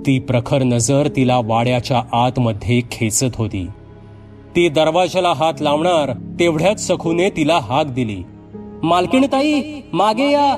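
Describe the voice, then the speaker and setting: Male narrator for an audio horror tale, mid pitch, measured and suspenseful, soft music underneath. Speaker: storyteller.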